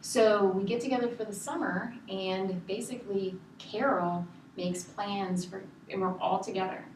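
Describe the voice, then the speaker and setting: A woman tells her story in an animated, exasperated way, acting out what others said. Her voice sits at a middle pitch and is picked up from a distance. The room is echoey, with a steady hiss behind her. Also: a little slow. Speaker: counseling client. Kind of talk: telling a story in a counseling session.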